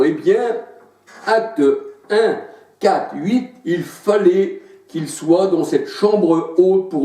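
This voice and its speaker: Slow, echoey French-speaking preacher. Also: male voice, fairly high pitch, warm tone. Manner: halting, searches for verses, frequent hallelujahs. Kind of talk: sermon. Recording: echoey room, voice far from mic.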